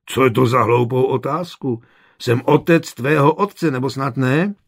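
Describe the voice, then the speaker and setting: A man's voice: medium pitch, gravelly. A man doing a kindly, teasing grandfather. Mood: friendly. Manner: friendly, playful.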